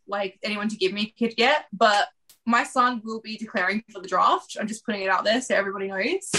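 A woman hosts a casual basketball podcast. Her voice is bright and forward, and she talks in a loose, emotional way, full of "like" and quick asides. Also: mid-range voice, low-quality recording. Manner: chatty and emotional, filler-heavy. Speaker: podcast host. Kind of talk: casual sports podcast chat.

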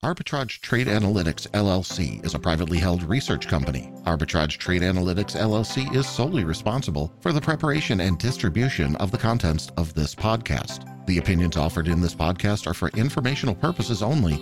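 A man's voice: low-pitched, very animated, fast talker, hardly any pauses. A man reading a scripted legal disclaimer as a podcast announcer. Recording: music bed behind the voice. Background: music.

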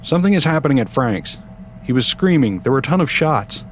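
A man voicing a tough rural woman who shouts and curses in an audiobook story. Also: mid-range voice, moderate pace, slight background noise, natural voice. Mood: angry, urgent. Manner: shouting, cursing.

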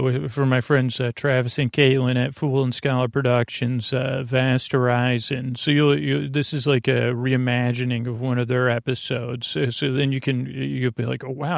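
A podcast host with a creaky, gravelly, mid-pitched male voice opens a rambling bedtime sleep show. Recorded close and dry with no room sound, he meanders haltingly, repeats himself and lets thoughts trail off, all in a soothing, reassuring way.

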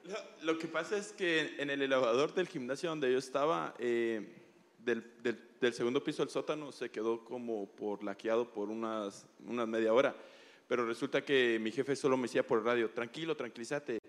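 A man telling a personal story to a congregation, halting and nervous, with many restarts. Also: mid-range voice. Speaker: congregation member giving testimony. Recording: long hall reverb.

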